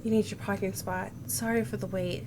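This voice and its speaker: With a steady tone and brisk delivery, a streamer with a mid-range voice reads a visual novel aloud, bringing expression to both narration and character dialogue. Game music and background noise accompany her.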